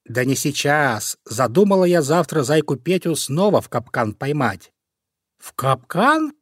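A man's voice: a little high, big pitch swings, unhurried, a bit bright, no echo, studio quality, voice pushed up, full character voice. A man voicing a sly, scheming female fox who talks sweetly, in a storybook reading. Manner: sly, sugary.

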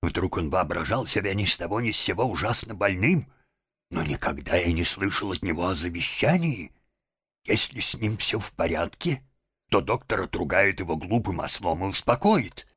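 Male reader as a warm-hearted storybook rat, husky, earnest and anxious. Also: low voice, expressive, moderate pace, dry recording, studio quality, exaggerated voice. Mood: worried. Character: kind, sensible male water rat, anxious for his friend. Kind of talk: audiobook character voice.

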